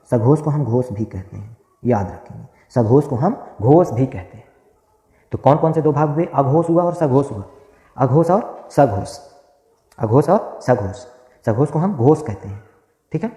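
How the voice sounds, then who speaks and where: A man with a mellow, dark voice teaches a grammar class, saying each phrase several times as he dictates notes. He keeps asking his own questions and answering them. The sound is roomy, with a long, echoing tail. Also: medium pitch. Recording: echoey room with long reverb.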